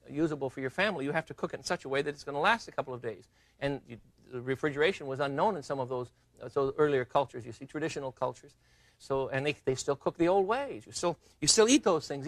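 A man's voice: a little high, fairly bright tone, no room sound. A man hosting a cooking demonstration, chatty and rambling as he explains. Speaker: cooking show host.

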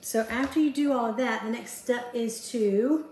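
A woman in her fifties, a home cooking vlogger, chats through a recipe to the camera, making jokes about herself and talking to herself while she works. Her voice is fairly high and a little mellow at a moderate pace. It echoes around a roomy kitchen, picked up by a camera across the counter, with dishes clinking faintly behind her.

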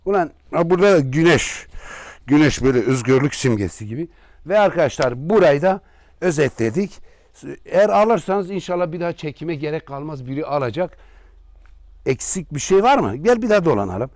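A man's voice: on the high side, sing-song, a little fast, darkish tone, in a large hall. A man with an Aegean Turkish accent giving a rambling, joking property tour as a real estate agent. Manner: rambling, joking asides to viewers. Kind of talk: casual property tour vlog. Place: walking through a house and garden.

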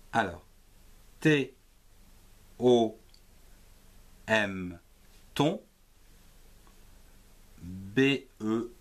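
A man teaching a slow reading lesson for early readers. He spells letters one at a time in a sing-song voice, rising on each letter and falling as he blends the syllable. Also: mid-range voice, fairly bright tone.

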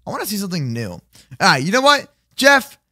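A young man giving goofy, hyped gameplay commentary, chatting to his sidekick and viewers with sudden shouts. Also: sits high, wildly swooping pitch, fairly quick. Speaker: gaming YouTuber.

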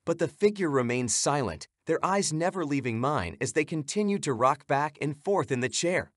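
A man's voice: a little high, animated, moderate pace, no echo, studio quality. A man giving scripted, suspenseful narration of a horror story.

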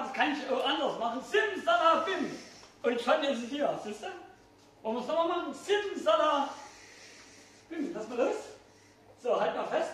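An older man works as a kids' party magician with a high, swooping voice and playful, questioning show patter. He is recorded from a distance in an echoey indoor room. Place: indoors, small restaurant-like room. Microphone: distant phone camera in the audience. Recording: echoey room, far from mic, faint noise.

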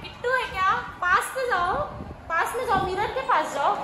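A woman's voice: extremely high pitch, normal speed, a crowd in the background. A woman vlogger, aunt to the children, coaxing and directing little kids with short repeated commands in a school playroom. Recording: noisy background ambience.

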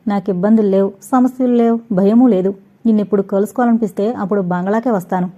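A woman's voice: mid-range voice, steady tone, fast, mellow, close to an everyday voice. A woman reading a bold teasing young lover. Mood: confident. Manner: playful, self-assured, teasing. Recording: dull lo-fi audio.

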